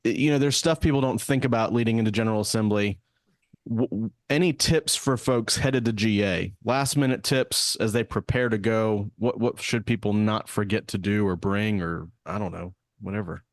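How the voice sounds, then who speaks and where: A man's voice: lowish voice, normal speed, no echo, studio quality. A man hosting a casual podcast chat, friendly and often restarting his words. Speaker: podcast host.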